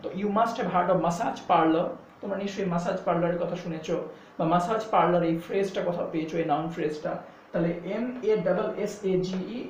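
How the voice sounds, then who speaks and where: A man teaching English pronunciation, explaining patiently and spelling words out letter by letter, switching into English phrases. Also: high voice. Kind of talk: spoken lesson to camera. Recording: echoey, dull, slightly distant with faint hum.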